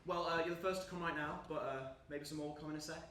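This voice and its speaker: A young male actor performs live on an indoor stage as an awkward, eager, lonely gamer, rambling and nervously apologising in naturalistic dialogue. His voice is a little high, steady, rapid-fire, and close to everyday speech. It's recorded from far off in an echoey room with background noise.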